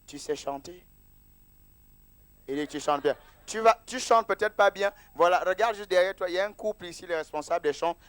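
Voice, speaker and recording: A man's voice: sits high, fairly quick, a bit bright, smooth, dry recording. A man preaching as pastor at a church service, casual and teasing, mixing sermon with banter with the congregation.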